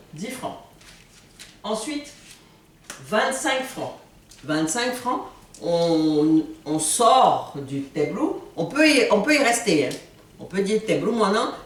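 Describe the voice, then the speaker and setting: A person from Ivory Coast teaching a language in a casual video lesson, slowly repeating words to show how they are said. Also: mid-range voice, sing-song, far from the mic. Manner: slow, repeats words for pronunciation. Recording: echoey room, voice from off-mic.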